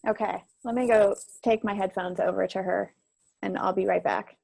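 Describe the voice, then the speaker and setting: A woman's voice: medium pitch, fairly even intonation, normal speed, gravelly, a little mellow. A woman organizing a video-call workshop, practical and a little apologetic. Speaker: program organizer.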